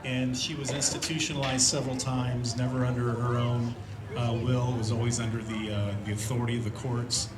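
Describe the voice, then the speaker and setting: A man's voice: mid-range voice, little pitch movement, a little fast, crowd noise. Earnest man from Indiana in an echoey hall. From Indiana, USA. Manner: earnest, reflective, with many fillers. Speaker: speaker sharing a recovery testimony. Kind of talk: personal testimony at a church event. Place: large room at a church event with an audience. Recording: roomy hall with audience noise.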